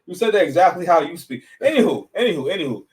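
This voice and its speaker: A man hosting a podcast, reacting to clips in a rambling, mocking, animated way. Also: high voice, quick pace, distant mic, low-quality recording. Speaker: podcast host. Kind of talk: casual reaction commentary.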